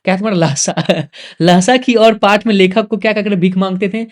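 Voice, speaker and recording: A man's voice: high voice, normal speed. A man with a Jharkhand Hindi accent teaching an exam revision lesson, firing off questions and answers, repeating words and teasing students.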